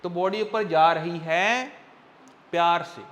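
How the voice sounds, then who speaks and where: A man teaching a physics class, quizzing his students constantly in a coaxing, brisk way. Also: high-pitched, fairly bright tone. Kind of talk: classroom lecture.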